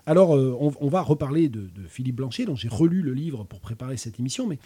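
A man's voice: mid-range voice, lively intonation, fast, mellow, husky. A man in his fifties with a regional French accent, hosting a casual chat, hesitant, with many fillers and restarts. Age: 50s. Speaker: host.

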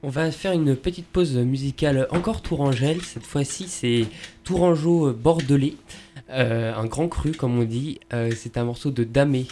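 A man's voice: mid-range voice, mellow. Male radio host in reflective conversation.

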